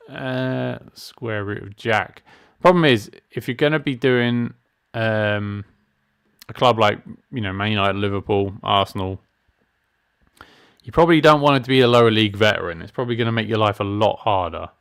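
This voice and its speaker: A medium-pitched, smooth, fairly bright voice at normal speed belongs to a middle-aged gaming streamer. In his casual let's-play talk, he is chatty and self-deprecating, reading game menu choices aloud.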